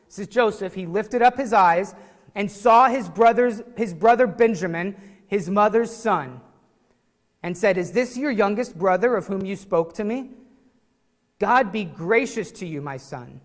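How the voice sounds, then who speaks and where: Man, pastor, sermon, conversational, animated, church sanctuary, echoey. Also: high-pitched. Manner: conversational, animated preaching with restarts and asides.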